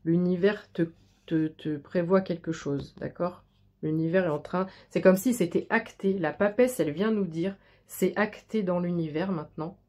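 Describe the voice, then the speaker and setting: A woman's voice: on the low side, moderate pace, warm tone. A woman giving a tarot reading to the listener, speaking in an intimate, reassuring way and often stumbling and repeating words as she goes. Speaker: tarot card reader. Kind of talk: tarot reading addressed to the viewer.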